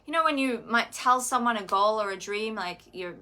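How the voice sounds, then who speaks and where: A woman's voice: on the high side, expressive, normal speed, sharp tone. A woman co-hosting a live stream as a coach, talking in a bubbly, enthusiastic way. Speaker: coach and co-host. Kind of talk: motivational live-stream talk.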